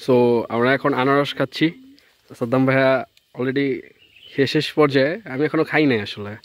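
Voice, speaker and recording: A man from Bangladesh with a mid-range voice speaks briskly over a little hiss or hum. Walking rural trails by a village and tea garden, this travel vlogger offers casual, chatty commentary laced with English.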